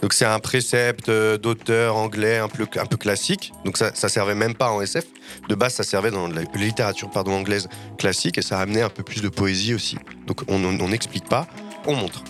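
A man's voice: on the low side, fairly even intonation, fairly quick, fairly bright tone, faint music behind. A man reading his ironic, opinionated critique column on a podcast, mocking himself along the way.

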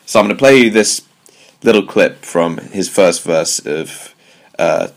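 A British podcast host talks through music on his own show in a voice that sits low and is expressive, at a measured pace. He tends to digress, keeping a wry tone and tossing in jokey asides.

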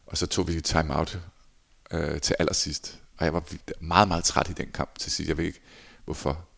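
A man in his forties, a former handball goalkeeper, telling lively anecdotes in a casual interview and acting out quoted lines. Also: extremely low pitch, gravelly. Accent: Danish. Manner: animated anecdotes, acts out shouted quotes.

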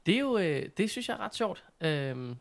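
A man in casual conversation, telling things in an informal, animated way with mild slang. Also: sits high, vocal fry. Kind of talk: casual chat.

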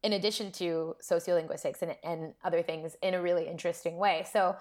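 Lowish female voice, casual academic talk, informal, conversational explaining. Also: steady tone, fast talker, darkish tone. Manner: informal, frequent "like" and checking "right?". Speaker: academic researcher, interview guest.

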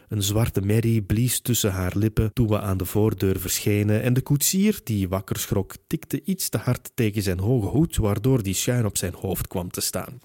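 A man narrating a first-person story as an audiobook in a measured storytelling manner. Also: lowish voice, mellow, dry recording, studio quality.

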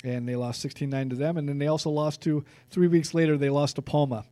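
Californian male co-host, casual stat-heavy chat, warm tone, dry mic. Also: a little high, fast talker, no room sound. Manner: reads stats, relaxed and conversational. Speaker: sports podcast co-host.

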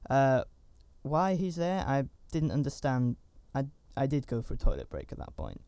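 A man's voice: medium pitch, wildly swooping pitch, moderate pace, dark tone, clear, resonant tone, no echo. A man giving a casual, rambling recap of a horror movie, with chatty asides and fillers. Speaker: film reviewer.

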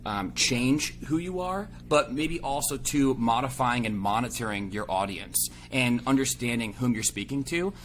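A man's voice: mid-range voice, normal speed, hardly any pauses, a bit bright, slight background noise. A man co-hosting a casual podcast, talking earnestly and rambling, often restarting his phrases. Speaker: podcast co-host.

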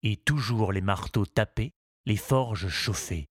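A man narrating a children's story in a measured, expressive reading. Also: lowish voice, breathy edge, no room sound, studio quality.

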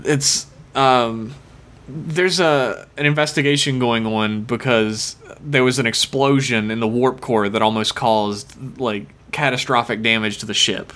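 Male podcast co-host, slow halting delivery, casual recap. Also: mid-range voice, fairly even intonation, fairly bright tone. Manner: hesitant, halting, frequent pauses.

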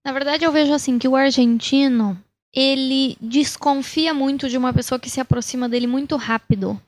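A woman, a missionary explaining things calmly in a casual talk to the camera. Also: high-pitched, moderate pace.

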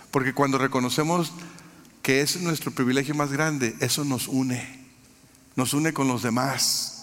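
A man's voice: on the high side, fairly bright tone. A man from Mexico preaching a sermon in an earnest way, building lists of phrases and sometimes restarting his words. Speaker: pastor. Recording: long hall reverb.

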